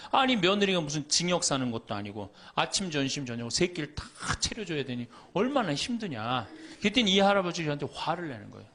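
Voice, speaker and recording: Lively, joking priest giving a talk. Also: male voice, a little high. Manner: lively, joking, quotes people in little voices. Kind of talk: humorous lecture.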